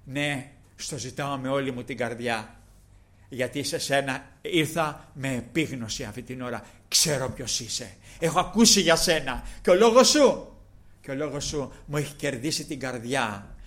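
A man preaching voices a blind beggar who pleads fervently to be healed, his cries climbing higher and louder. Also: natural voice. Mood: pleading.

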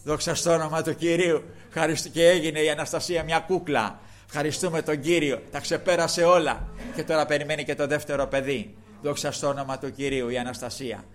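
A man's voice: a little high, steady tone, faint music behind. An older man preaching a sermon with fervor, repeatedly breaking into praise refrains and speaking directly to the congregation. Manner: fervent, punctuates with praise refrains; addresses the flock, slow emphatic stretches.

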